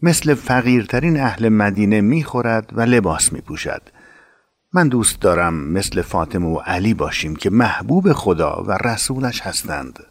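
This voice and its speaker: Casting: male actor as a gentle, pious young husband, low voice with lively rise and fall, dry close sound. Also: dry recording. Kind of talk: audiobook drama acting.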